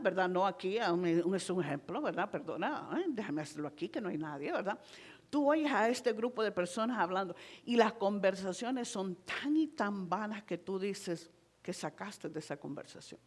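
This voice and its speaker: A woman preaching a Spanish-language sermon in a church, talking conversationally and constantly checking in with the congregation, slipping in English words like "so". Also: medium pitch.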